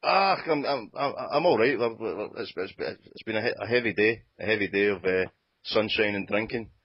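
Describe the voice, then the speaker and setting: Scottish man, podcast host, lowish voice, halting repeated phrases, casual comic chat, dull dry lo-fi call audio. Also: breathy edge, no echo.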